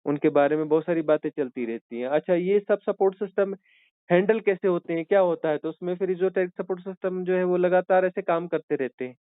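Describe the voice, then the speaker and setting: Guru guy explaining stuff calm on a phone call, keeps asking "right?", kinda high voice, phone-line sound. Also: brisk, dry recording. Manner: calm explaining, repeats "है ना?" for assent. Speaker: spiritual teacher. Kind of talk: spiritual discourse on a phone call. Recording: tinny phone line, dry.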